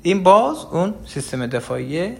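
A man's voice: sits high, very animated, creaky, fairly bright tone, slight background noise. A man giving an earnest talk on parenting, explaining with everyday examples and speaking straight to the listener. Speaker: parenting educator.

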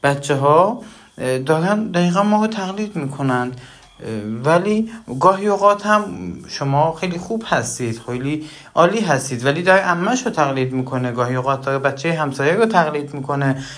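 A man lecturing on parenting in numbered tips, animated, asking and answering his own questions with everyday household examples. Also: fairly high pitch. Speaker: parenting educator.

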